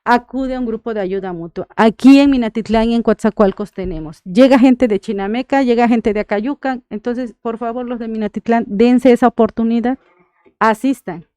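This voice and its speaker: A woman's voice: a little high, moderate pace, mellow, clean tone, no echo, studio quality. A Mexican woman, a thanatologist, giving earnest advice on a radio interview and often checking in with her listener. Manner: earnest, checks in with frequent "right?". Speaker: thanatologist guest.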